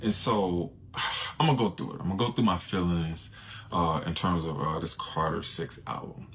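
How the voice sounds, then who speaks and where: A man from giving a measured casual review, with frequent filler sounds. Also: deep voice, steady tone, fairly bright tone. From Louisiana.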